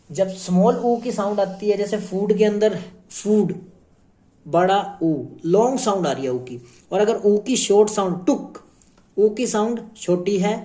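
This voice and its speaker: A man with a Haryanvi Hindi accent teaches a shorthand lesson in a slow, unhurried way, pausing often and going back over each point. His voice is mellow and soft-edged. The sound carries the echo of a bare room. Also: high voice. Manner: slow, repetitive explaining with many pauses. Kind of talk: classroom lesson explaining strokes on a board. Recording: echoey room.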